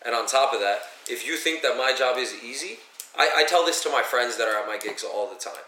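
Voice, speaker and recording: A man's voice: medium pitch, lively intonation, a little fast, roomy sound, recorded from a distance, background noise. A young man co-hosting a casual podcast chat, telling stories emphatically. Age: young adult. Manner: emphatic, storytelling with repeated "like". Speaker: podcast co-host, event DJ/MC.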